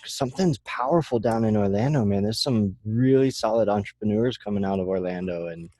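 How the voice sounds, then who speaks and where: A man's voice: on the low side, fairly quick, warm tone, dry recording. A man from Florida hosting a casual podcast chat, laid-back, with plenty of fillers and the odd curse word. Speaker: podcast host.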